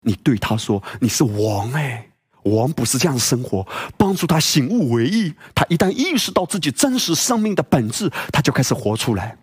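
A man's voice: on the high side, big pitch swings, fairly quick, few pauses, slightly rough. A male pastor preaching a sermon, emphatic and full of rhetorical questions and exclamations.

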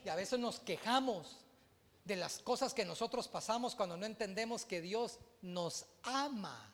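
A man with a Guatemalan Spanish accent preaching a sermon as pastor, swinging between loud exclamations and hushed asides. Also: high voice, long reverb tail.

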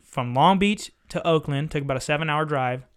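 A young man, telling a story in casual chat. He is animated and profane, acting out both sides of each exchange. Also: on the high side, a little fast, clean tone. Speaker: podcast host.

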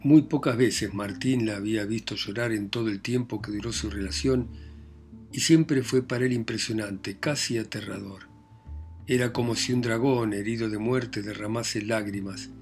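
A man's voice: fairly low pitch, steady tone, moderate pace, a little mellow, faint music behind. Man narrating a somber audiobook.

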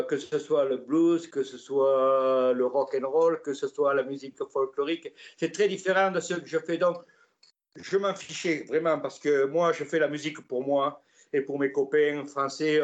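An older man speaks with a Gascon French accent, his voice sitting a touch higher than most men's. He rambles through his stories in a relaxed interview, pausing on fillers and restarting his sentences as he goes. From Gascony, France. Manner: rambling, many hesitations and restarts. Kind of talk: casual storytelling interview.

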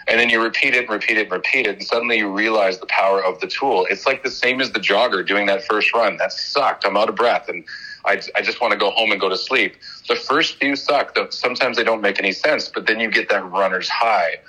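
A man speaking as a guest on a podcast interview, energetic and persuasive in his answers. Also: lowish voice, low-quality recording.

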